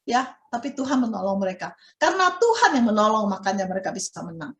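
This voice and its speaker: A woman teaching Sunday school, telling a Bible story to children in an animated way and asking them questions. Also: mid-range voice, fast talker, echoey room. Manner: animated, asks children questions, dramatic exclamations.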